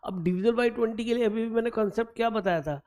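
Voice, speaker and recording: A man with a very high, slightly fast voice that is a little mellow, clear, and resonant teaches maths, working through an exam problem on a board step by step. He coaxes his students along in a mix, calls them beta, and thinks aloud as he counts.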